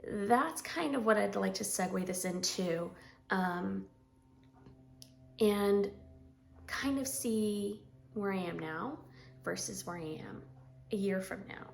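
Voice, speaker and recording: Chatty woman in her forties, slightly gravelly. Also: mid-range voice, expressive, slow, pauses often. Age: 40s. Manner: rambling, frequent ums and clearing her throat. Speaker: stitching vlogger. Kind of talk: casual chat to camera.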